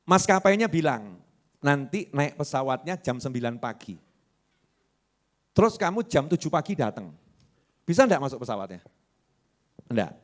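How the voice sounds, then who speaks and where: Animated preacher. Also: male voice, a little high, moderate pace, long pauses. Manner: asks the audience questions and answers them himself. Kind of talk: lively sermon.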